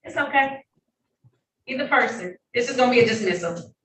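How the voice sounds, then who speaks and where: A woman judge running formal hearings, brisk and polite, heard in a courtroom recording. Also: a little high, expressive, fairly bright tone. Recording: echoey room heard from a distance, faint noise.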